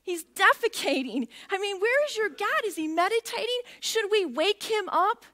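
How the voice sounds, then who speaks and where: A woman's voice: very high-pitched, lively intonation, normal speed, bright, forceful tone. A middle-aged woman preaching a sermon in a church, talking conversationally and putting questions to the congregation. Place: church sanctuary.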